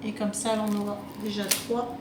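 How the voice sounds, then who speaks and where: Filmed on a phone resting on a table, a French, half-Italian woman rambles hesitantly through her craft haul in a casual, unplanned way. Her mid-range voice stays fairly flat in pitch and moves a little fast. The audio has a roomy echo and obvious home noise.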